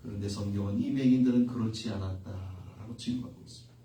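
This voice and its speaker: A male pastor preaching a sermon with passion. He swings between shouting and hushed asides, and asks the congregation questions before answering them himself. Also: on the low side, fast. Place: church sanctuary. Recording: roomy echo, distant mic, faint hiss.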